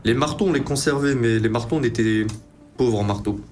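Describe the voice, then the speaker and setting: A man's voice: mid-range voice, a little fast, noisy background. A man from northern France with a French accent, chatting casually with his stream viewers in rambling, slangy explanations. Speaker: casino livestreamer.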